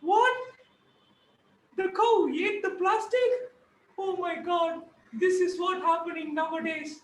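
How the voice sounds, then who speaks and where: A man's voice: extremely high pitch, drawn-out words, a bit bright, roomy sound, distant mic, a little hiss or hum, pitched above the performer's own voice, heavily acted, poor audio. A man voicing a fussy, caring old grandmother puppet who calls out shrilly, mixing Tamil and English. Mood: worried. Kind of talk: puppet show.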